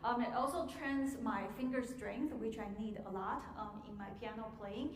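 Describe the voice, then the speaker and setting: A woman teaching a piano masterclass, answering audience questions in a measured way with frequent pauses and ums, in an auditorium. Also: fairly high pitch. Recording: echoey hall, faint noise.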